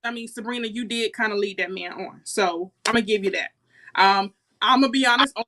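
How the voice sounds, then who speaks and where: A woman's voice: medium pitch, a little fast, bright, forceful tone. A woman co-hosting a casual podcast, asking questions and pushing back on her partner's views. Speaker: podcast co-host. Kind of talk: casual debate chat.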